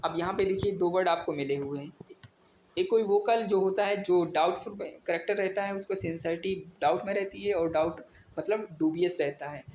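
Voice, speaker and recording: A man's voice: sits high, moderate pace, darkish tone. Guy teaching exam vocab, spells words out letter by letter, roomy echo, bit of faint hum behind. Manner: spells words letter by letter, mixes English definitions. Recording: echoey room with faint ambient noise.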